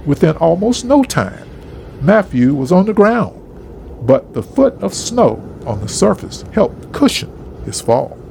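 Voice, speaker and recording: Expressive man narrating a story. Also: fairly high pitch, creaky, slight background noise. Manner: expressive, dramatic reading.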